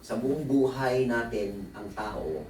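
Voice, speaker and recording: A man's voice: mid-range voice, slow pace, far from the mic, slight background noise. Male pastor, bible conference sermon, joking storyteller, echoey hall, mic set back, faint room ambience. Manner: humorous, mixes Tagalog with English phrases; animated storytelling asides.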